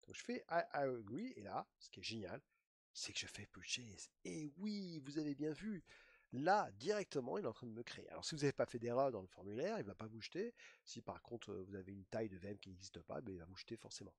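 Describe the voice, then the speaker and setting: A man's voice: fairly low pitch, big pitch swings, fast talker, breathy edge, no echo, clean studio sound. A man giving a chatty screen-share tutorial, walking through steps with many fillers and playful asides. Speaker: IT trainer.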